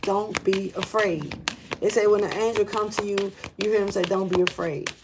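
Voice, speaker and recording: A woman's voice: medium pitch, steady tone, moderate pace, noisy background. A woman giving a casual spiritual tarot reading, talking in a loose, rambling and blunt way with slang and cursing, earnest and urgent, with frequent repeats and restarts. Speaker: tarot reader.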